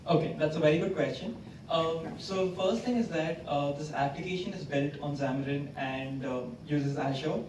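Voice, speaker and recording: A man's voice: fairly high pitch, moderate pace, darkish tone, a little hiss or hum. A male student contestant confidently answering judges. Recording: very echoey, distant mic.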